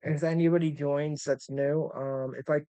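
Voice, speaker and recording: A man's voice: on the high side, flat delivery, normal speed, mellow, clear, resonant tone, dry recording. A man chatting casually as a livestream host, rambling and apologetic, with slurred, lisping speech from missing teeth. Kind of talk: casual live stream chat and reactions.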